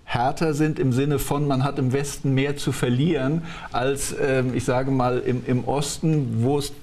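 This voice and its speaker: A man's voice: medium pitch, little pitch movement, unhurried, a little mellow. A middle-aged man hosting a studio talk show, asking long, winding questions with fillers. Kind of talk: moderating a studio discussion.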